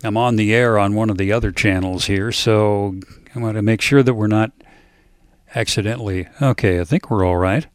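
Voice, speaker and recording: Midwestern male host, low voice, dry joking delivery, dead-dry home studio sound. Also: normal speed, no room sound. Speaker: radio host and producer. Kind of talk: casual studio chat.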